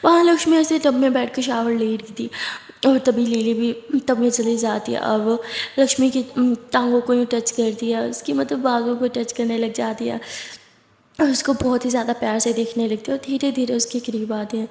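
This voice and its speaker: Woman telling a story casually, kinda high voice, roomy echo with long reverb. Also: fairly even intonation, normal speed, gravelly, a little mellow. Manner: chatty, conversational, with fillers.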